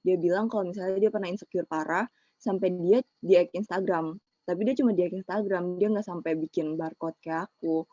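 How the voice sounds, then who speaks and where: Young woman w telling a sad personal story, talks fast, dull muffled call audio. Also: lowish voice, steady tone, dark tone, dry recording. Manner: emotional, confessional, Jakarta slang. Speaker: webinar speaker sharing a personal story. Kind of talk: personal testimony, casual storytelling. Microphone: video call.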